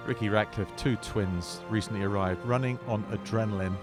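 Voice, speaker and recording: A man's voice: on the low side, steady tone, normal speed, music in the background. A man giving wry golf commentary with dry, playful understatement.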